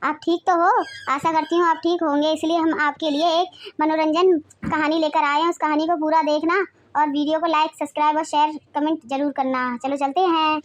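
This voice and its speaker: Female channel host, cheerful intro, very high voice. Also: level tone, fairly quick, slight background noise. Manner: cheerful greeting. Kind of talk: friendly video intro.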